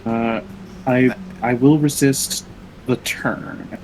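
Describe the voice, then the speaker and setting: A man playing in a tabletop role-playing game, making relaxed, dry remarks. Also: medium pitch, slow pace, background noise. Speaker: player. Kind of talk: casual tabletop game chat.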